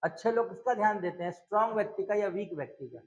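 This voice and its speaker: A man teaching English grammar to a class, asking questions and answering them himself in a lively, emphatic way. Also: high-pitched, fast talker, dull audio.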